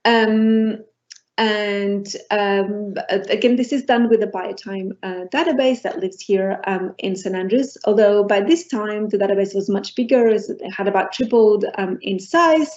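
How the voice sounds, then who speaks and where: A middle-aged woman from Portugal delivers an academic lecture at a mid-range pitch. She talks haltingly, filling gaps with ums and restarting phrases. The recording sounds dull and lo-fi. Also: darkish tone. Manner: hesitant, many ums and restarts. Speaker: professor giving a talk.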